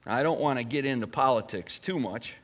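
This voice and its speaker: Male pastor, animated sermon delivery, big swings between loud and hushed. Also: mid-range voice, brisk.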